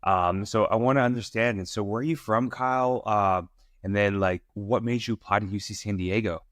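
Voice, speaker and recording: A man's voice: fairly low pitch, steady tone, brisk, a bit bright, no echo, studio quality. Slangy, upbeat male podcast host. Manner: hyped, slangy, calls guest "my boy" and "my brother". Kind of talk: casual podcast interview.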